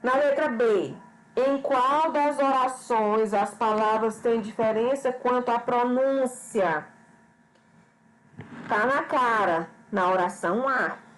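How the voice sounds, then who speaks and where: Slow, patient woman teacher. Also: fairly high pitch, a little hiss or hum, low-quality recording. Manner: slow, patient, repeats questions and checks with "certo?". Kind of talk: online grammar lesson.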